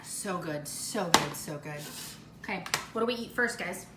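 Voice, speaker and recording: A woman's voice: lowish voice, animated, moderate pace, echoey room, very noisy. A woman hosting a casual cooking demo in her home kitchen, gushing over the food as she cooks and tastes it. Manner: gushing, enthusiastic food descriptions. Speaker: cooking show host.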